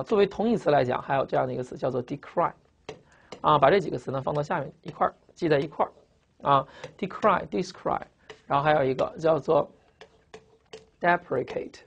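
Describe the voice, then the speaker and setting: Fast, gravelly vocabulary teacher. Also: medium pitch. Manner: repetitive, emphatic, peppers speech with "啊". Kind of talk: classroom vocabulary lecture.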